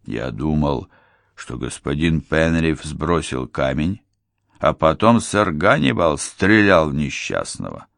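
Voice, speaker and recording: A man reading an audiobook voices a gruff, simple-minded giant of a man who grumbles. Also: extremely low pitch, very animated, takes it slowly, a bit bright, no room sound, clean studio sound, heavily acted. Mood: offhand. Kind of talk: audiobook character voice.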